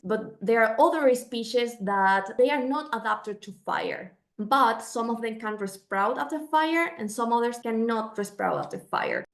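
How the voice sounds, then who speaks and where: Woman, Chilean accent, native Spanish speaker, researcher, earnest explanatory tone, higher pitch. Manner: earnest, explanatory, pace shifts between quick and slow. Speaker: postdoctoral researcher, guest.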